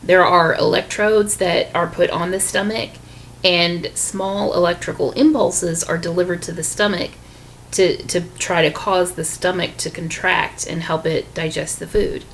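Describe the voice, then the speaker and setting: Lady telling her own story to camera, low-ish gravelly voice, lots of ums, faint hiss behind. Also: fairly even intonation, a little slow, rough recording. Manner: candid, with frequent ums and restarts. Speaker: vlogger sharing her illness story.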